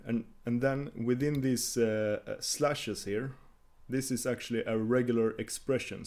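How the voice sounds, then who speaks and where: A man talks through a coding screencast in a mid-pitched voice, explaining each command as he types. He hesitates often and restarts his phrases, and keyboard clicks come through behind him. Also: a little mellow. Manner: hesitant, many fillers and restarts while typing. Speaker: tutorial host.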